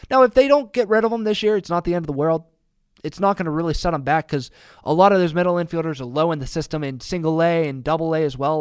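A young man giving a casual, rambling opinion talk about baseball, animated and quick to laugh. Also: sits high, smooth, no echo, clean studio sound. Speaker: sports podcaster.

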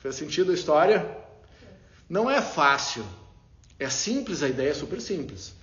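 A man explaining ideas in a casual, animated way, acting out little inner dialogues as he talks. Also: fairly high pitch, normal speed. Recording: roomy, dull lo-fi sound.

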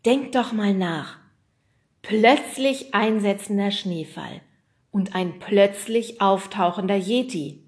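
A woman's voice: medium pitch, takes it slowly, a little mellow, natural voice. A woman voicing a level-headed young boy who talks in a dry, earnest way.

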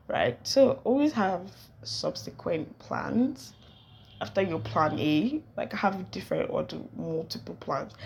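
A woman's voice: medium pitch, gravelly, a little hiss or hum. A young woman hosting her own podcast, rambling casually and playfully dramatic. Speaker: podcast host. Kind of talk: casual solo podcast chat.

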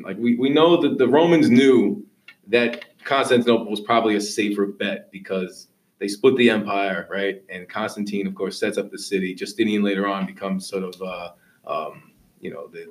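A man's voice: lowish voice, moderate pace, recorded from a distance. A man teaching history conversationally, explaining step by step and checking in with tag questions. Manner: explanatory, checks understanding with "right?". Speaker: history teacher and show host. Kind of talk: conversational classroom lecture.

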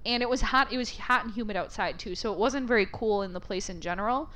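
Slightly high-voiced woman telling a story. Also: fast. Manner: animated, laughs often, swears freely. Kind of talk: casual storytelling chat.

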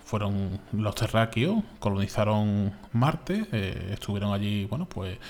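A man from Spain with a Spain Spanish accent, co-hosting a podcast in casual, animated chat, full of fillers and repeats. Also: fairly low pitch, measured pace. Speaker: podcast co-host.

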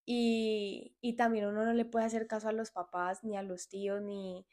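A woman's voice: medium pitch, little pitch movement, normal speed, a little mellow. Frank young woman giving advice. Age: 20s. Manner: earnest, frank advice to listeners. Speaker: podcast host. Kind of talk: solo podcast monologue.

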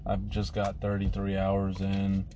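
Relaxed young guy, lowish voice, casual chat, faint noise behind. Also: unhurried. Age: young adult. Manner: laid-back, says "yeah, man" a lot. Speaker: friend in conversation.

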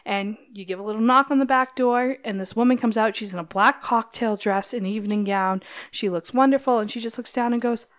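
A woman narrating a tabletop game as game master, casual and giggly. Her voice sits fairly high. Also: a little fast, hardly any pauses.

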